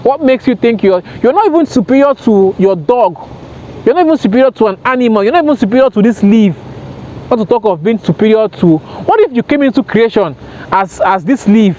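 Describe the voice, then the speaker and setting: Sitting on a rail outdoors by the water, a self-help vlogger talks to camera in an off-the-cuff motivational pep talk, earnest and emphatic, often repeating himself for stress. His voice is extremely high-pitched yet dark in tone, animated and brisk. The lo-fi recording sounds dull and carries outdoor noise.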